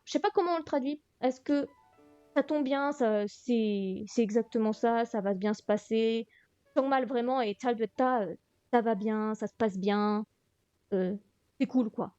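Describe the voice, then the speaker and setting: A woman's voice: fairly high pitch, mellow, clean tone, dry recording. A woman teaching a beginner language class on a livestream, thinking aloud with lots of fillers. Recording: dull lo-fi stream audio, faint music.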